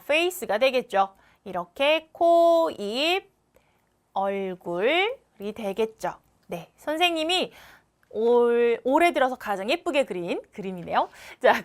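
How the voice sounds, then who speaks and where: In this recorded exam walkthrough, a young female English teacher goes through every question patiently, step by step, repeating words for pronunciation practice. Her voice sits high and is a bit bright.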